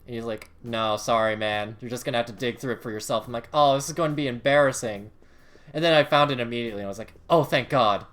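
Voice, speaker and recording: A man's voice: mid-range voice, quick pace, a bit bright. A young man chatting casually on a game stream, telling a long story full of fillers and the odd swear word.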